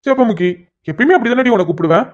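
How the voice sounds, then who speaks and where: A woman voicing a shy young husband in a cartoon, speaking softly and apologetically one moment and teasing his wife the next. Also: fairly high pitch, expressive, racing, natural voice. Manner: soft, apologetic then playfully teasing. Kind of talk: cartoon dialogue voice acting. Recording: dull lo-fi recording.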